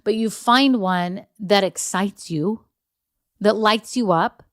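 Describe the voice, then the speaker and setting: A woman's voice: mid-range voice, takes it slowly, no room sound, clean studio sound. A woman, hosting a casual solo podcast, chatty and encouraging with frequent asides. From Texas. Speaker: podcast host.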